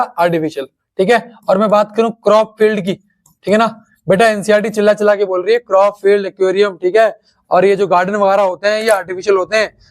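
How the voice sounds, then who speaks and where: A man teaching a science lesson, firing quick questions at his students and answering them himself. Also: sits high. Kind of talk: online class lecture.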